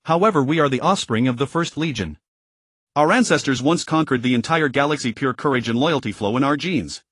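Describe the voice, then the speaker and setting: A man's voice: medium pitch, animated, a little fast, a bit bright, dry recording, studio quality. A man voicing a stern male space fleet commander who speaks resolutely to rally his troops. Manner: resolute, declaiming.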